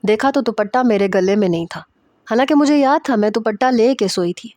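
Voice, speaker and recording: A woman's voice: a little high, lively intonation, darkish tone, no echo. A woman narrating a romance story in the first person, reading steadily and evenly.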